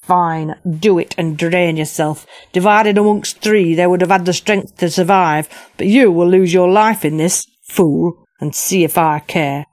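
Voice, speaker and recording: A woman's voice: mid-range voice, animated, normal speed, a little mellow, no room sound, natural voice. A woman voicing a pompous, scheming middle-aged male official who grovels to superiors and sneers at others. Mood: contemptuous. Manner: obsequious, cold, sneering.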